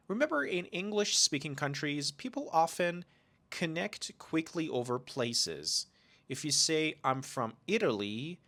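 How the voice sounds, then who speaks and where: A man teaching English on a podcast, talking slowly and with care. His pitch moves up and down a lot, and his voice has a bright edge. He stretches out the example phrases so learners can follow. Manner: slow, careful delivery with drawn-out example phrases. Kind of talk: scripted lesson narration.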